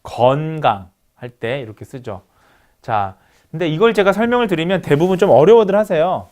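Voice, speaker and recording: A middle-aged male lecturer with a slightly high voice teaches phonetics in a calm, patient way. He says sample words slowly and repeats them so the class can practice each sound. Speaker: university lecturer.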